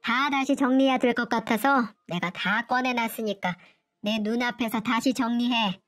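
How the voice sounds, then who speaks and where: A woman voicing a shrill, scolding mother-in-law. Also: normal speed, fairly bright tone, lightly acted. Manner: shrill, nagging, contemptuous.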